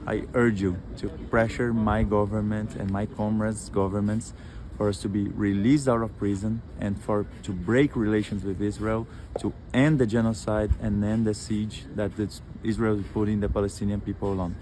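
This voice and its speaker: Flat-voiced man, earnest appeal. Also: lowish voice, normal speed, background noise. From Brazil. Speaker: activist.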